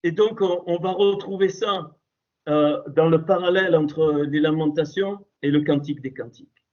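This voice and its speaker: Male Torah teacher, slightly raised pitch, emphatic, muffled call audio. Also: moderate pace, darkish tone. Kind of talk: spoken religious teaching over a call. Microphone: computer call microphone.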